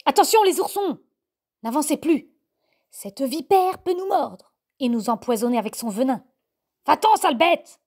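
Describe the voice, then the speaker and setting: A woman voicing a loyal shepherd's dog who speaks boldly and loudly to guard the cubs. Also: high voice, wildly swooping pitch, moderate pace, no room sound, pitched above the performer's own voice, exaggerated voice. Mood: protective.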